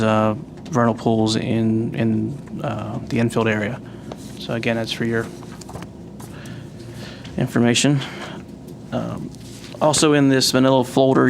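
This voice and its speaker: Even-toned man giving a halting official report. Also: mid-range voice. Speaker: wetlands agent giving a report. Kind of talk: spoken report at a public meeting. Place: municipal agency meeting. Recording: faint background noise, meeting room.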